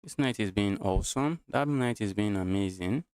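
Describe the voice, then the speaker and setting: A man's voice: on the low side, normal speed, darkish tone, clean tone, no room sound. A Nigerian man streaming live chess, thinking his moves aloud and repeating his phrases as he goes. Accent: Nigerian English.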